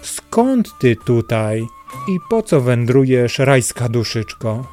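A curious, friendly old woman, the mother of the wind in a storybook, as a male reader puts her on. Her mellow voice asks questions kindly. She speaks slowly. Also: medium pitch, big pitch swings, faint music behind.

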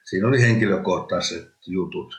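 Man, low voice, rambling and halting, roomy echo. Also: fairly bright tone. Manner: rambling, halting, with many restarts. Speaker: interview guest, former professional hockey player. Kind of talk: casual interview.

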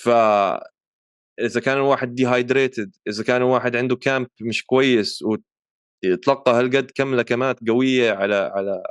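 A man with a Levantine Arabic accent talks quickly in a smooth, resonant voice, recorded close and dry. He explains his points conversationally as a podcast co-host, mixing in English terms. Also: mid-range voice, dry recording. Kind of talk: casual chat, explaining.

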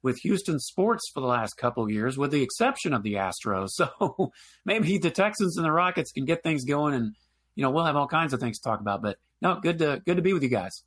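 Slightly high-voiced guest journalist man. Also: animated, a little fast, fairly bright tone, no room sound, studio quality. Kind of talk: casual sports talk.

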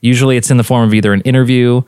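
A young man co-hosting a casual podcast, jokey and quick to laugh. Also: medium pitch, clear, resonant tone, dry recording, clean studio sound. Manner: animated, laughs often, jokey. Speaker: podcast co-host.

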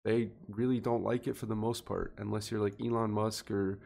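A man's voice: on the low side, little pitch movement, normal speed, vocal fry, darkish tone. A man in his twenties, a podcast guest, talking earnestly and reflectively in casual chat. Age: 20s. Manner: earnest and reflective, thinking aloud.

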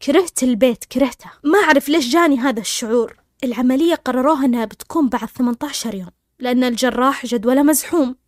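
A woman's voice: high-pitched, a little mellow, no echo, clean studio sound. A woman telling an intense personal story, quoting people as she goes. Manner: rapid, intense retelling full of quoted dialogue. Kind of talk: emotional first-person storytelling.

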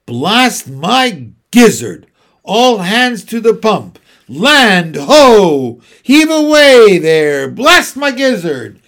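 A man voicing a blustering old male naval admiral who shouts and splutters with rage. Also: high-pitched, sing-song, very slow, pitched above the performer's own voice, exaggerated voice. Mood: raging.

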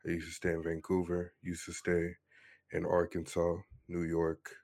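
A man's voice: sits low, monotone, moderate pace, creaky, darkish tone. A man in his twenties from Miami tells his personal story in an earnest, matter-of-fact way during a casual interview. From Miami, Florida, USA. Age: 20s.

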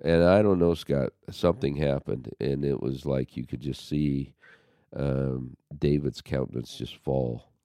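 Hosting a conversation, this man recounts a personal story with lots of animation, performing the lines other people spoke. His voice is extremely low and his pace a little slow. The sound is dry and of studio quality.

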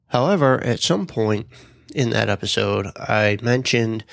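A podcast host with a low, dry voice sounds stuffy-nosed from a cold as he talks casually on his solo show. Relaxed and full of ums and uhs, he reads out meeting minutes, with no echo in the recording.

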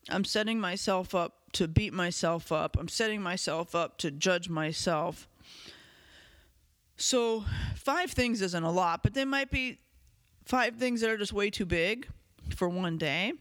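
A man's voice: high-pitched, a little slow, a bit bright, no room sound. A man hosting a podcast, talking candidly through a reflective self-help monologue, casual and conversational with fillers and the odd swear word. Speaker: podcast host.

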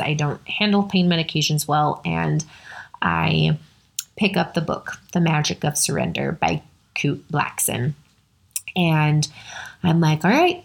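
Gravelly-voiced woman telling her story. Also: sits low. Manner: earnest, repetitive, conversational with many fillers. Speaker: podcast host. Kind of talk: personal storytelling monologue.

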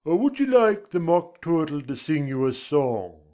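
A man playing a brusque, impatient Gryphon with a bossy, drawn-out delivery in an audiobook. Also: fairly high pitch, very animated, warm tone, muffled recording. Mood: gruffly offhand. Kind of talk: full-cast audiobook character acting.

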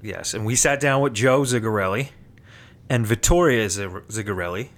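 A man co-hosting a podcast in casual chat, easygoing and quick to laugh. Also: on the low side, expressive, fairly bright tone. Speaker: podcast co-host.

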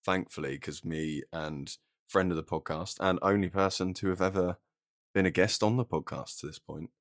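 A man's voice: sits low, moderate pace, no echo, clean studio sound. A man co-hosting a casual podcast, teasing his friend and telling stories in a playful, rambling way. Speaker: podcast co-host. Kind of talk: casual chat.

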